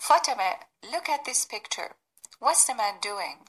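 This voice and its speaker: A woman playing an English teacher who gently corrects her student's pronunciation in a scripted textbook dialogue, heard as distant played-back audio. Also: mid-range voice, sing-song.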